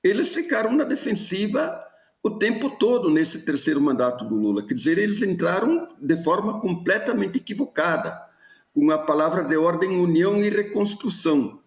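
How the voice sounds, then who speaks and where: A man's voice: high voice, normal speed. A man with a Brazilian Portuguese accent, a professor giving emphatic political analysis on a live news panel over a remote call, often restarting phrases. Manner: animated, many restarts, emphatic. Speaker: political science professor, commentator. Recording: roomy echo.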